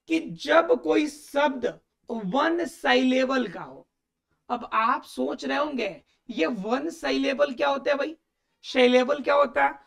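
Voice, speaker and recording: Woman teacher, high voice with a gravelly edge, going through grammar rules one by one, keeps asking students questions. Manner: explains step by step, poses rhetorical questions and checks in with "ठीक है". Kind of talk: classroom-style recorded lesson.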